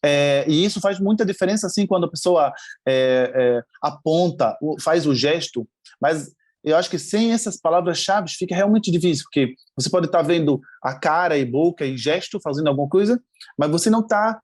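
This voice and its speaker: A man with a somewhat high voice speaks as a podcast guest and teacher. He explains step by step, pausing on fillers and checking that he is understood. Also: a little mellow. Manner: explanatory, frequent "sabe?" and hesitations. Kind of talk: casual interview chat.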